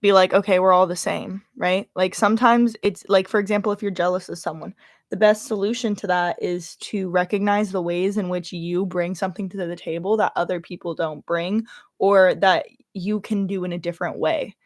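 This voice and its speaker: This young adult woman, a YouTuber hosting a livestream, has a fairly low voice with fairly even intonation and a Californian accent with a slight Valley Girl tinge. She talks casually at normal speed, rambling, cutting herself off, and using lots of filler words. The recording is dry and clean, with studio quality.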